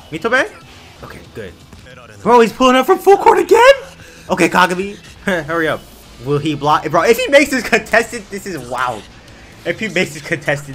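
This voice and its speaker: A man reacting to an anime episode in casual slangy commentary, swinging from low mutters to shouts of disbelief. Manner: excitable, bursts into shouts of disbelief; slangy, says "bro" constantly.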